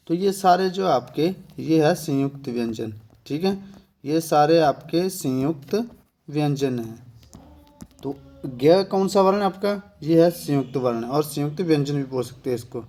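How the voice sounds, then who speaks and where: Male teacher, Himachali accent, fairly high voice, exam-prep lesson, rhetorical questions, frequent "thik hai". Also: warm tone. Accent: Himachali Hindi.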